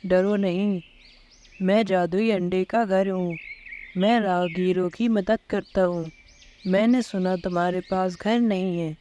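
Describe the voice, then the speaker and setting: A woman's voice: on the low side, fairly even intonation, muffled recording, slight background noise, natural voice. A woman voicing a kind, magical talking egg house that reassures and offers help. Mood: reassuring. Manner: gentle, reassuring.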